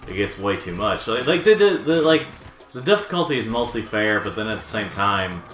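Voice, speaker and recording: A man's voice: fairly low pitch, sing-song, moderate pace, fairly bright tone, faint music behind. A man chatting casually while playing a game, rambling with lots of fillers and restarts. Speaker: gaming co-host. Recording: echoey room with faint noise.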